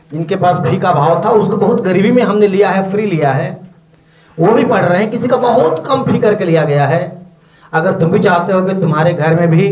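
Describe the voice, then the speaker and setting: A man's voice: sits high, darkish tone, highs cut off. A man teaching at a coaching institute, urging his students on in a motivational talk and repeating phrases for emphasis. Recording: echoey classroom.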